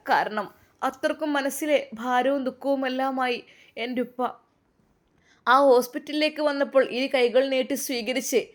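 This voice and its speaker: A woman's voice: high voice, close to an everyday voice. A woman voicing a devoted young man who earnestly insists on protecting and caring for an older woman.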